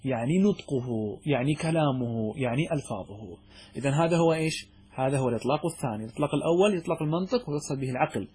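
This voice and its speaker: Male sheikh teaching a class, husky voice pitched a little high, questions the room and stumbles over restarts. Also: darkish tone. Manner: asks students questions and answers them himself, with frequent halting restarts. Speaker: sheikh teaching a logic text. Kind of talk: classroom lecture.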